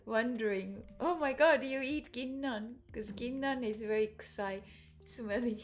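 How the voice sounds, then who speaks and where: This woman's voice is fairly high and a bit bright. She teaches Japanese in a live online class, speaking Japanese-accented English and alternating languages as she reads out chat comments.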